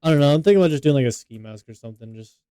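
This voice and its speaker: A man's voice: mid-range voice, lively intonation, very fast, warm tone, clear, resonant tone, dry recording. A young man co-hosting a podcast, talking loosely and profanely with lots of filler words. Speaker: podcast co-host. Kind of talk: casual podcast chat.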